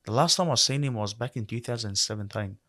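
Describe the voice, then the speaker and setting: A man's voice: mid-range voice, fast talker, sharp tone. A man around thirty, from Lebanon, talking candidly and reflectively as a podcast guest, often saying "you know". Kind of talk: candid interview talk.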